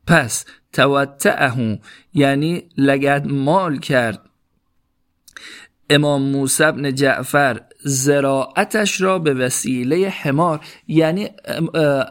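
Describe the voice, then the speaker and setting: A man teaching Arabic grammar, reading each phrase slowly and then explaining it in quick, casual speech. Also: medium pitch, gravelly. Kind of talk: line-by-line Arabic text parsing lesson in Persian.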